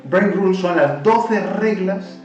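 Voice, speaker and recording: Lively Spanish host, slightly high voice, echoey and far from the mic. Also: male voice, slow pace, dull audio, soft background music. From Spain. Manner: animated, acts out quoted lines with laughter. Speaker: YouTube language-learning host. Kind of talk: casual retelling and explanation.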